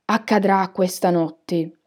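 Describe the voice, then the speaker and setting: A woman's voice: fairly low pitch, fairly even intonation, slow pace. Woman doing a misty, theatrical seer teacher. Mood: harsh trance. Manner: sweet and hushed, turning harsh and loud in trance. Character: eccentric female divination teacher, misty, theatrical.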